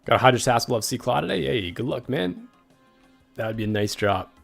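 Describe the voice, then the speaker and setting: On his gaming livestream, a young man rambles in a relaxed way and reads chat messages aloud. His gravelly voice sits in the middle range and moves a little fast, with faint game music underneath.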